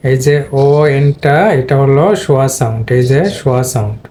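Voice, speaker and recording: Flat-voiced man teaching English pronunciation. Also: mid-range voice, brisk, slight background noise. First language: Bengali. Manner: explains step by step, addresses viewers directly; clears his throat now and then. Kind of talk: spoken pronunciation lesson.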